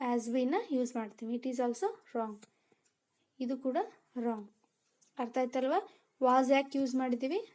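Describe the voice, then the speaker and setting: A woman's voice: sits high, a little mellow. A woman teaching English grammar for exams, explaining step by step and asking rhetorical questions. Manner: mixes Kannada with English terms; reads English sentences slowly. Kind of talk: exam-prep lesson.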